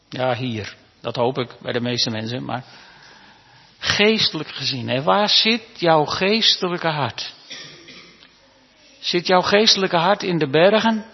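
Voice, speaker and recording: A man preaching a sermon to his congregation in a church, talking warmly and conversationally, asking them questions and sometimes restarting his words. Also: on the high side, slightly rough. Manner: stammering restarts. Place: church hall. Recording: reverberant hall, dull lo-fi sound.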